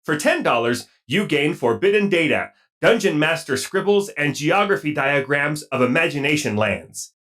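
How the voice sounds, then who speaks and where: A man voicing a stilted male AI robot announcer in a clipped, monotone robot voice. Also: fairly high pitch, moderate pace, few pauses. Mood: stilted robotic. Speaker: podcast player.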